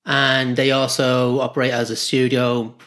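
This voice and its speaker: An Irish man in a casual interview as a guest artist, explaining his work in a halting, repetitive way. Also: mid-range voice, flat delivery, fairly bright tone. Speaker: guest artist and screen printer.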